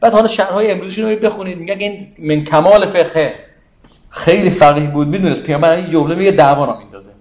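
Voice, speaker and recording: A man's voice: fairly high pitch, a little mellow. A man giving an informal religious lecture, explaining verses conversationally and asking the audience rhetorical questions. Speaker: religious teacher. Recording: echoey, dull lo-fi room recording.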